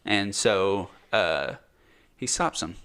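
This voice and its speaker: A man's voice: on the low side, animated, takes it slowly, a bit bright, clear, resonant tone. A man co-hosting a podcast, chatting casually about a movie, rambling and trailing off with frequent laughs. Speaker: podcast co-host. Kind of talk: casual movie review chat.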